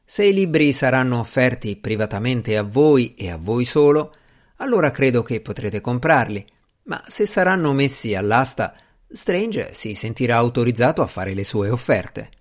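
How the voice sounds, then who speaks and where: A man voicing a bored, aloof aristocratic gentleman in an audiobook, speaking in a languid, dismissive way. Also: mid-range voice, sing-song, normal speed, lightly acted. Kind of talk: audiobook character reading.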